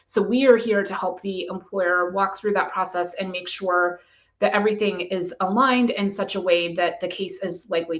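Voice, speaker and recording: A woman immigration lawyer giving a measured, methodical explanation to camera. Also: mid-range voice, fairly bright tone, lo-fi sound.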